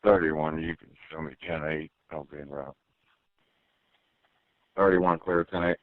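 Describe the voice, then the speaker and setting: A man's voice: rumbling low, steady tone, measured pace, no room sound. A male police dispatcher heard over a police radio transmission, reading out units and addresses in clipped, methodical calls. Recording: narrow tinny radio channel, dry.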